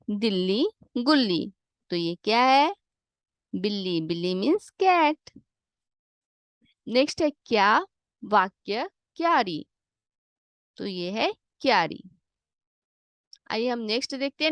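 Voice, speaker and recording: Patient woman teaching Hindi, higher voice. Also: no echo. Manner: patient, asks questions then answers them herself; mixes English glosses into her explanations. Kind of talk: worksheet lesson voice-over.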